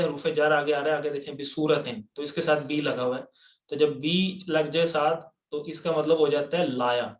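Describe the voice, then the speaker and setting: Pakistani male teacher on a video call, higher voice, roomy echo, patient and step by step. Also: a bit bright. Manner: patient, explains step by step, quizzes students. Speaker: Quran word-by-word teacher. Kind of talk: online class teaching. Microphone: computer mic on a video call.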